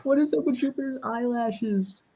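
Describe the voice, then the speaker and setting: A woman's voice: fairly high pitch, moderate pace, dark tone, slightly rough. A woman giving casual, sarcastic, exasperated reaction commentary while watching a video.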